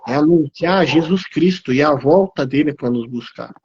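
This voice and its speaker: A man with a high, husky voice tells a heartfelt faith testimony, his pitch climbing whenever he presses a point. His speech has the cadence of preaching. The audio is dull and lo-fi, like a live stream. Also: normal speed, darkish tone. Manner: emotional, preaching rhythm, rising pitch on emphasis. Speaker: guest on a live theology talk. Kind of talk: impassioned testimony.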